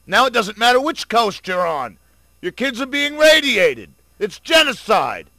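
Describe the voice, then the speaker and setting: A man delivering an angry, profane ranting commentary, sarcastic toward his listeners, swinging between low muttering and loud outbursts. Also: very animated, moderate pace, dry recording. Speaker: video blogger.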